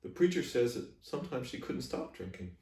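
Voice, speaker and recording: A man's voice: medium pitch, sing-song, fairly quick, warm tone. A man voicing a curious, earnest young Southern girl who asks polite, innocent questions in a story read aloud. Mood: innocent, probing. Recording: echoey room, distant microphone.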